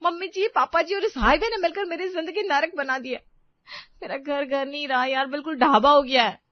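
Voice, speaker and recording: A woman voicing a sharp-tongued young daughter-in-law who complains with indignation. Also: high-pitched, normal speed, no echo, lightly acted. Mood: complaining. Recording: dry, slightly dull sound.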